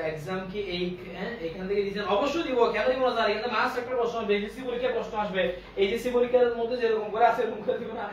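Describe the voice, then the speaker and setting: A man's voice: high voice, a little hiss or hum. A man teaching accounting in a live online class, playful and repetitive, drilling rules that the students recite with him. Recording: echoey, distant, dull lo-fi room sound.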